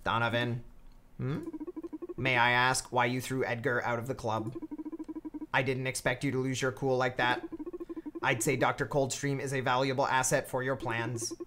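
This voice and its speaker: A game streamer reading a female android emotion analyst in a deliberately dumb robotic voice. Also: medium pitch, steady tone, background noise, lightly acted. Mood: probing.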